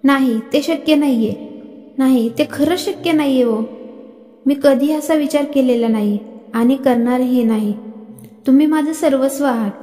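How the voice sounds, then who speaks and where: A woman's voice: high-pitched, normal speed, dark tone, close to an everyday voice. A woman reading as a devoted, earnest wife. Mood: hurt. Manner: earnest, pleading. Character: devoted, loving middle-aged wife. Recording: echoey reverberant room.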